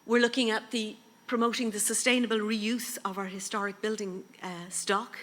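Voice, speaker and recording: A woman giving a measured conference presentation as a heritage official. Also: medium pitch, flat delivery, a bit bright. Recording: hall reverb.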